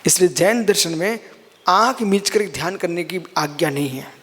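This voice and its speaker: Jain monk, sermon delivery, expounds verse line by line, speaks to listeners like family, high voice. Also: male voice, lively intonation, normal speed, fairly bright tone, breathy edge, big-room sound. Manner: explains scripture line by line, addresses listeners as son and brother. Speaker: Jain monk giving a discourse.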